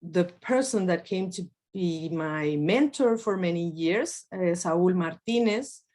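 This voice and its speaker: A woman from Colombia giving an academic talk on a video call, speaking with many pauses, fillers and restarts. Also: lowish voice, a little mellow. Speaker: guest speaker.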